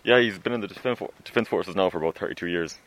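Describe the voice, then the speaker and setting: A young Irish male soldier gives casual interview answers. His voice is deep and his delivery is quick. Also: fairly bright tone, poor audio. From Galway, Ireland. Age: 20s.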